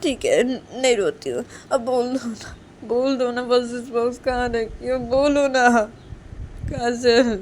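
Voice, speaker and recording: A tearful, pleading young woman, raised and soft, begging forgiveness again and again, as a storyteller acts her out. Her voice sits well above the narration, with a faint hiss in the background. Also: medium pitch, brisk, voice pushed up, close to an everyday voice. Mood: placating. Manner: soft pleading, repeats sorry. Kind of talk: storytelling role-play.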